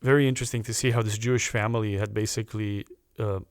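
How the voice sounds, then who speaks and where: A man, a guest on a podcast, telling a personal story in a casual, animated way, often stopping to restart a phrase. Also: lowish voice, fast, smooth, no echo, studio quality. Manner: animated anecdote teller with restarts.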